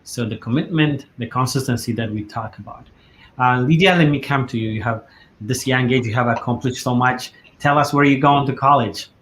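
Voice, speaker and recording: A man hosting a live online show, asking his guests questions in an even, mid-pitched voice. He praises their answers in an encouraging way, and the sound comes through a video call. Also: brisk. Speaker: talk show host. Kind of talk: interviewing guests.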